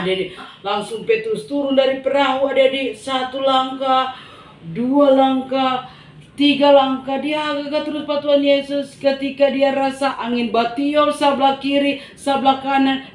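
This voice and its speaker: A woman with a Manado Malay accent telling a Bible story to children in an animated way, often asking them questions. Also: high-pitched, reverberant, a little hiss or hum. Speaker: Sunday school teacher.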